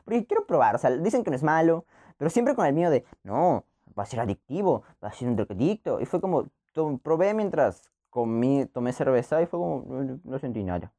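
A man's voice: a little high, mellow. A young man, hosting a podcast alone and rambling casually through personal stories with frequent laughter and restarts. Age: young adult. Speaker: podcast host. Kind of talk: casual monologue.

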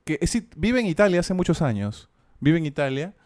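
A man's voice: a little high, very animated, brisk, darkish tone, dry recording, clean studio sound. A man, a voice acting teacher co-hosting a casual live chat and explaining things at length.

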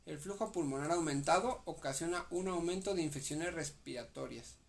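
A young man with a Mexican Spanish accent acts as a medical exam study partner, reading guideline notes aloud and then re-explaining them in casual slang. His voice is fairly high with vocal fry, at a moderate pace.

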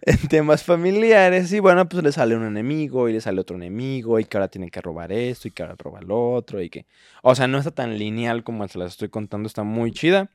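A man's voice: mid-range voice, animated, fast talker, no room sound, clean studio sound. A young adult man with a Mexican accent, co-hosting a casual podcast chat, rambling and jokey. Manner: rambling, jokey, mock-defensive. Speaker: podcast co-host.

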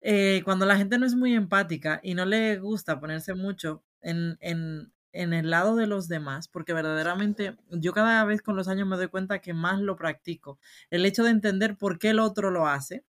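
A woman from Spain, whose Spanish accent is mixed with Dominican speech, co-hosts a casual podcast and tells stories with animation. Her mid-range voice moves at a moderate pace.

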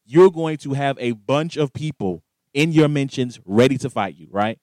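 Guy on a sports podcast, dry sound, super lively, does little voices for quotes. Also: mid-range voice, moderate pace, no room sound. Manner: animated storyteller, acts out quoted voices. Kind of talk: casual sports talk.

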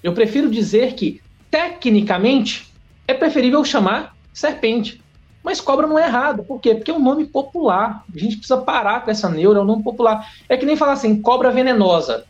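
A Brazilian biologist, a man, talking as a podcast guest in an animated, slangy, emphatic way. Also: very high voice, brisk. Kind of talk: casual podcast chat. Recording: dull lo-fi audio with faint music.

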